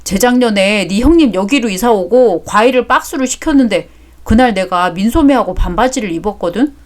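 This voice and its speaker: A woman's voice: medium pitch, lively intonation, brisk, close to an everyday voice. A woman voicing a boastful middle-aged male fruit seller who gossips crudely. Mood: gossiping.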